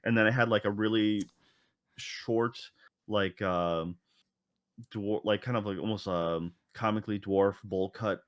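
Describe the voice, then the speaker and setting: Speaking at a measured pace, a podcast co-host with a lowish voice and fairly even intonation chats casually, rambling with lots of fillers and restarts. The recording is dry and studio quality.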